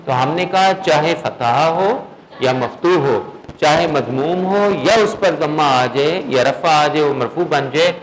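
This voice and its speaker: A man teaching Quran recitation in a classroom lesson, patiently asking his students whether they follow and slowly drawing out words to demonstrate. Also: on the high side, a little hiss or hum, low-quality recording. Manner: patient, checks understanding with frequent questions.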